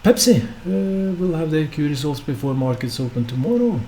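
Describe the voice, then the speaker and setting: Speaking non-native English, this host from Norway runs his stock market podcast alone and off the cuff, pausing often, filling gaps, and asking rhetorical questions of his audience. His dark-toned voice is a little high and swings widely in pitch at a moderate pace, with slight noise behind him.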